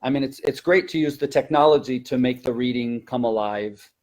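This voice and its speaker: A language teacher and trainer leads a webinar in a conversational style, explaining methods like a working teacher. His medium-pitched voice is darkish in tone and a little fast, and he repeats key words for emphasis.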